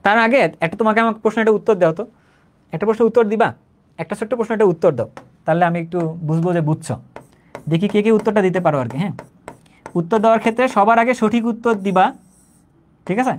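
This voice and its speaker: Male tutor, rapid and chatty online lecture, keeps asking if it's clear. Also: high voice. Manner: conversational, repeats phrases, checks understanding often. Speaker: chemistry teacher.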